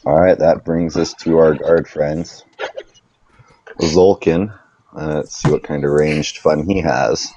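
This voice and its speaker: Deep-voiced man running a tabletop game. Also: fairly even intonation, slow, mellow, lo-fi sound. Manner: casual, exclaims at bad rolls. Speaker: game master.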